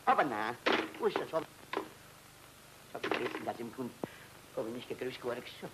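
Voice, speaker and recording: A man's voice: mid-range voice, animated, moderate pace, heavy background noise, lightly acted. Actor playing an anxious, fussy man; stammering, rambling, old-film comedy. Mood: fretful. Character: fussy flustered Austrian man, anxious about travel. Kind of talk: 1930s film comedy acting.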